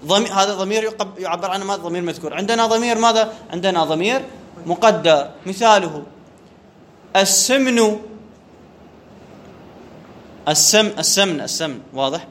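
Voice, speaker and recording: A man with a high, fairly bright voice teaches an Arabic grammar lesson a little fast, with slight background noise. In this classroom lecture he asks questions, answers them himself and repeats key terms.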